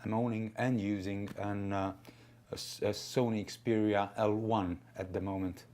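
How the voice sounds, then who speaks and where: A fifty-year-old man answers interview questions slowly and reflectively. He pauses often on fillers, and his voice sits a little low. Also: flat delivery, background noise. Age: 50s.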